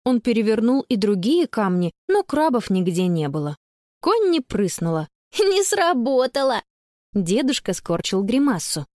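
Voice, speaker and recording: Lively woman narrating a children's story. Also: mid-range voice, normal speed, dry recording, studio quality. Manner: lively expressive reading with voiced characters.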